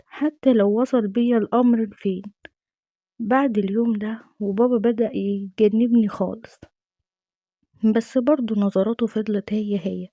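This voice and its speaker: A woman's voice: medium pitch, dark tone, no room sound, muffled recording. A woman with an Egyptian Arabic accent, narrating a dramatic true-life story in the first person with earnest emotion.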